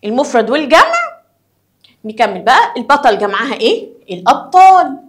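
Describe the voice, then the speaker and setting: A primary school teacher with an Egyptian Arabic accent explains a lesson to young children in a high-pitched, brisk voice full of huge pitch swings. She poses questions to them and then answers those questions herself.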